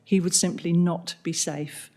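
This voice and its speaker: A woman's voice: fairly low pitch, fairly even intonation, measured pace, dark tone. Older British woman, councillor reading aloud. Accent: British English. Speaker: ward councillor. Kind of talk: reading out a prepared question at a council meeting.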